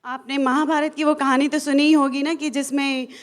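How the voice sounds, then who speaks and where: A woman speaking earnestly to an audience as a motivational speaker, pausing often with fillers and restarts. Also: high-pitched, flat delivery. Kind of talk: stage talk to an audience.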